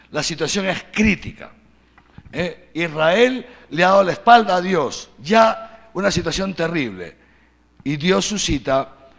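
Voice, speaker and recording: A man giving a catechesis talk, telling Bible stories with lively acted-out quotes and frequent tag questions. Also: high-pitched, gravelly. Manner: animated storytelling, acting out biblical quotes. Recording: long hall reverb.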